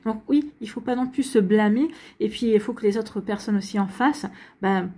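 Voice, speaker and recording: A French woman who does astrology and tarot readings speaks at a normal speed in a slightly high, warm voice. Troubled by hiccups, she rambles casually through a reading for her viewers, restarting and reassuring them frequently.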